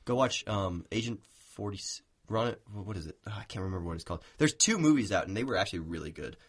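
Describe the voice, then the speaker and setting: A young man chatting casually about movies, hesitant, with many pauses and restarts. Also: lowish voice, animated, husky. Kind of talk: casual chat.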